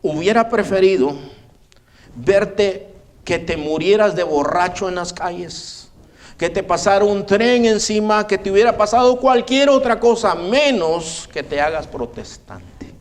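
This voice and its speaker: A woman's voice: mid-range voice, animated, a little slow, pitched above the performer's own voice, lightly acted. A man preacher voicing a stern older mother who harshly disowns her son. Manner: harsh, scolding.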